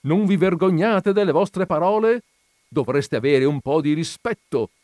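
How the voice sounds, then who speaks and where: An indignant, exasperated widow whose voice climbs high and swings about, as a man reading a story puts her on. It is recorded close, with a dry sound. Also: very animated, slow pace, a little mellow, no room sound. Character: indignant grieving woman, a widow.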